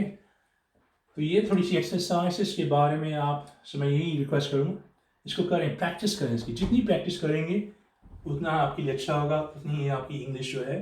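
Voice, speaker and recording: A man's voice: fairly high pitch, darkish tone. A man with a Pakistani accent teaching English grammar, mixing English and Urdu and tagging phrases with "okay?", spelling sentences out word by word. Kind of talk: spoken grammar lesson. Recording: echoey room, mic at a distance.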